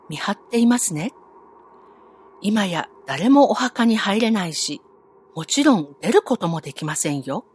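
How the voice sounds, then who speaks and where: A woman telling a Bible story to children, gentle and friendly, asking her young listeners questions along the way. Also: mid-range voice, slightly rough.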